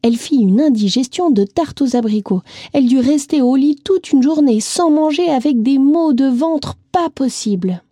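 Female children's storyteller; mellow, higher voice, gentle and lively, faint music under. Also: moderate pace, hardly any pauses, no room sound, clean studio sound. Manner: gentle, lively, speaks directly to a child listener.

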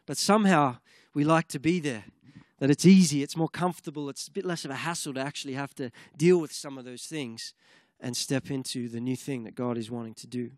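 A man's voice: medium pitch, fairly quick, no room sound, clean studio sound. A man preaching a sermon in an earnest way, at times moving into fervent spoken prayer.

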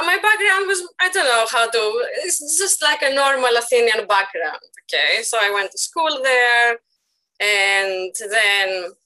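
Bright-voiced Greek woman in her thirties. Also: fairly high pitch, poor audio. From Greece. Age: 30s. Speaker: guest artist. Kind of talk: casual interview conversation.

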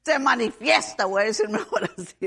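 A woman's voice: medium pitch, expressive, normal speed, slightly rough. A woman preaching a sermon with fervor, stretching words and calling out hallelujahs. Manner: fervent, breaks into hallelujahs and shouted phrases.

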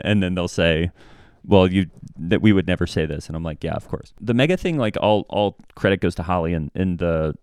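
In a clear, resonant low voice, the man, an improv comedian guesting on a podcast, chats casually and reflectively, often voicing remembered lines of dialogue. It's a studio-quality recording without echo.

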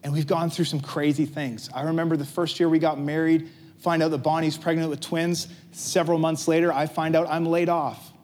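Man, thirties, pastor, conversational sermon, high voice. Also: a little fast. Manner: lively, conversational, self-joking.

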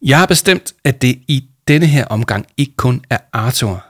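A man reading aloud voices Paul, a calm and gentle adult counsellor. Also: mid-range voice, husky, no room sound, studio quality, voice pushed up.

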